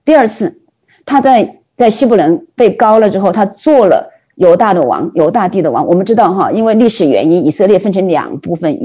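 Lady preacher, swoopy animated sermon voice, lots of rhetorical questions, muffled lo-fi sound. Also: mid-range voice, husky.

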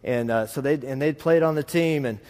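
Here a Texas preacher with a rural drawl speaks a little fast, his medium-pitched voice carrying a darkish tone. Folksy and self-deprecating, he rambles through a conversational sermon with anecdotes for a congregation, and the large room makes the recording sound reverberant.

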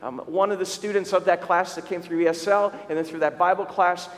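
A man's voice: high voice, steady tone, brisk. A male pastor giving a conversational sermon with church updates, often restarting and repeating words. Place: church sanctuary. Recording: long church reverb.

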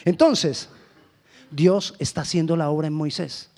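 A Colombian man preaching a sermon as pastor, swinging between loud emphasis and hushed lines. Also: fairly high pitch, a little slow. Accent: Colombian Spanish.

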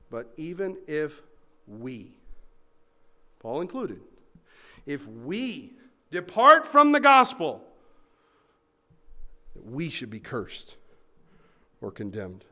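A man as a pastor preaching a sermon in a lively, conversational way, with asides to the congregation. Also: mid-range voice.

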